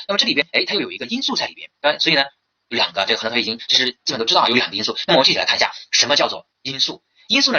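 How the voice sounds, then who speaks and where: A man lecturing very quickly in a bright, sharp, slightly husky voice, his pitch leaping about as he fires off rhetorical questions. It sounds like a dull lo-fi lecture recording. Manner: lively lecturing, many rhetorical questions and fillers. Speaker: Chinese language teacher. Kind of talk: recorded lecture for teacher certification exam.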